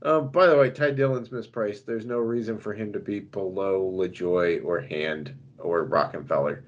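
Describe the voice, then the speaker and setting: A man co-hosting a podcast, chatting casually and quickly about fantasy racing picks, laughing easily. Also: fairly low pitch, muffled recording. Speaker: podcast co-host. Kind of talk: casual sports betting chat.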